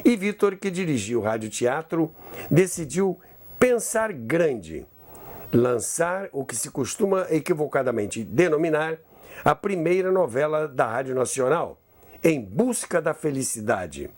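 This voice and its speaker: Narrating a scripted story for his radio history podcast, a Brazilian host performs it theatrically and drops in conversational asides. He speaks unhurriedly in a fairly high, sing-song voice with a somewhat dark tone.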